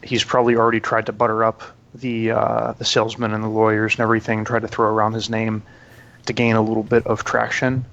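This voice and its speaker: A man's voice: lowish voice, monotone, fast talker, creaky, a bit bright, lo-fi sound. A man playing a tabletop role-playing game, talking through his character in an easygoing, joking way. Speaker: player. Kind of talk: casual tabletop game play.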